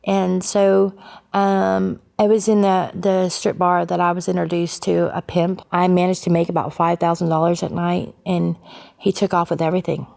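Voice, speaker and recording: A woman candidly telling her life story in a personal testimony interview, halting and restarting often. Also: fairly low pitch, little pitch movement, creaky, darkish tone.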